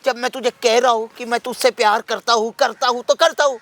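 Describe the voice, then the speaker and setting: An actor playing a lecherous, bullying older uncle who talks in a leering, wheedling, threatening way, in an amateur short drama. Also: male voice, very high-pitched, steady tone, fast talker, fairly bright tone.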